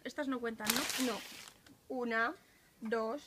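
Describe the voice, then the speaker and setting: A woman's voice: on the high side, steady tone, slow pace. A young woman with a Spain Spanish accent chatting casually outdoors. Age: young adult. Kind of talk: casual chat. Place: outdoor patio, camera a short distance away. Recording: noisy outdoor camera recording with clicks.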